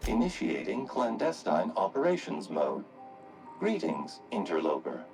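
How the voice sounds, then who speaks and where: A dutiful automech robot in a video game speaks in a stiff, formal robot voice, announcing each step like a machine. The pitch sits at an ordinary middle height but swings widely from phrase to phrase. Soft music plays behind him. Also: male voice, huge pitch swings, unhurried, gravelly, full character voice.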